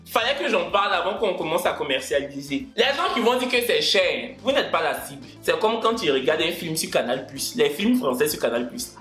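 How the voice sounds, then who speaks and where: High-voiced Ivorian man ranting theatrically. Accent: Ivorian French. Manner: animated, theatrical, teasing, repeats phrases for effect. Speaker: vlogger. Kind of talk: comic self-promoting vlog rant. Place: at home, filming himself. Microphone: camera mic. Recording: roomy home echo.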